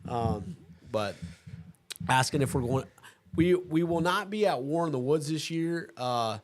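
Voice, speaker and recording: A man's voice: on the high side, expressive, unhurried. A man hosting a casual talk show, easygoing, laughing often and talking with plenty of fillers and restarts. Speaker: host. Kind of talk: casual chat.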